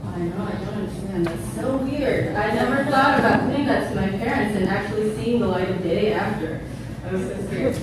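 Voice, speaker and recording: Woman in her twenties, echoey church testimony. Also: medium pitch. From born in Indonesia, raised in the United States. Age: 20s. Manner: conversational, relaxed, light humor. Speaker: church member giving a testimony. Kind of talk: personal testimony talk. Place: church sanctuary. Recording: very echoey room, far mic, background noise.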